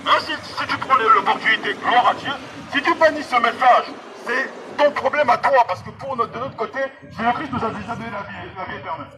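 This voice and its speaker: A street evangelist preaches a fervent sermon outdoors, his high-pitched voice carried through a megaphone as he repeats key phrases emphatically to passers-by. He talks a little fast with few pauses, exhorting people directly, while vehicles make the street clearly noisy behind him.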